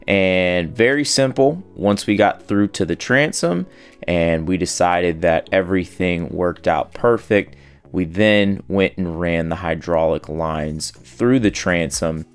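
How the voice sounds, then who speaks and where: A man in his thirties giving a steady, step-by-step voice-over on a boat installation. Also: deep voice. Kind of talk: voice-over how-to narration. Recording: faint music underneath.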